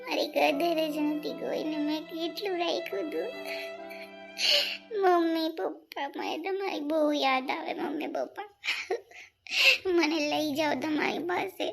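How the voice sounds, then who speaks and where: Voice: unhurried, long pauses, soft background music. A voice actor playing a homesick young married daughter in a cartoon, pleading and weepy. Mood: sad lament. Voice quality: very high, gravelly voice. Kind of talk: Gujarati cartoon voice acting.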